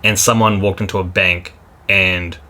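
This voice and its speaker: A man co-hosting a vlog in casual chat, animated and laughing as he rants, out walking by a river. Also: low-pitched, moderate pace. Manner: animated, laughs while ranting. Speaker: vlog co-host.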